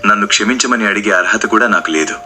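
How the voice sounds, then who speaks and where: A man's voice: on the low side, fast talker, sharp tone. A man doing a broken-hearted young groom. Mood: regretful. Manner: sorrowful, subdued. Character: heartbroken young groom, weak-willed and remorseful.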